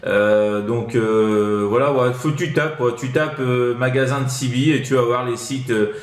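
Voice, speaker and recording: In an unhurried, medium-pitched voice with fairly even intonation, a Frenchman from France chats as a CB radio operator handing out advice. He rambles hesitantly with many tag words, and the room echoes noticeably.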